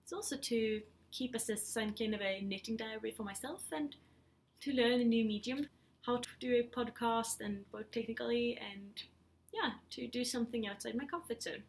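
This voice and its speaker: This knitting vlog features a Swedish-accented woman in her thirties, talking in a relaxed, slightly hesitant way as a podcast host indoors in her living room. She speaks at a moderate pace with a voice on the high side, and a little background noise can be heard.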